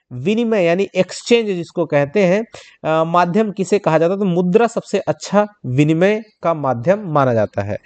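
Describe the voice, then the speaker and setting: Guy teacher w a high voice reading out quiz questions to kids, repeats the answers. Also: a little mellow, dull audio. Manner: addresses students directly, repeats answers. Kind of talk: exam question walkthrough.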